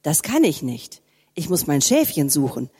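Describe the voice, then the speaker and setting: A woman voicing a kind shepherd boy of about eight, speaking high and gently. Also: very animated, moderate pace, slightly rough, big-room sound, full character voice.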